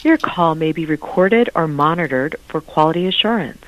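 A recorded phone menu message played over a phone line, reading options in slow, evenly spaced prompts. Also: medium pitch, animated, heavy background noise.

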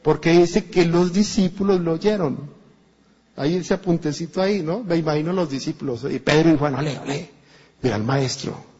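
A man preaching a sermon in a church with a Colombian Spanish accent, animated and acting out the voices of people in his stories. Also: a little high, moderate pace, husky. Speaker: pastor. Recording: dull echoey church recording.

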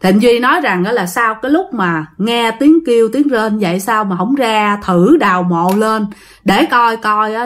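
A woman with a Southern Vietnamese accent telling a ghost story in a casual, animated way, often turning to address her listeners directly. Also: a little high.

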